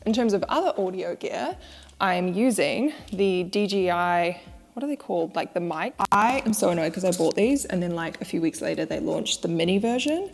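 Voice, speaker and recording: A woman's voice: lowish voice, lively intonation, moderate pace. A young woman chatting candidly to camera in a casual vlog about her work, talking in a chatty, self-deprecating way into a clip-on mic. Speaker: social media manager vlogger. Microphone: wireless clip-on mic.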